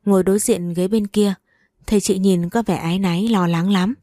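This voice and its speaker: A woman reading storybook narration in a steady, even way. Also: mid-range voice, fairly quick, no echo.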